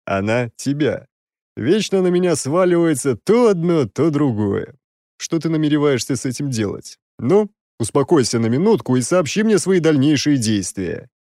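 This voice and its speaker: A man voicing an exasperated six-armed male demon who scolds loudly and sarcastically, in a dry, close recording. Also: a little high, very animated, normal speed, dry recording, pitched above the performer's own voice.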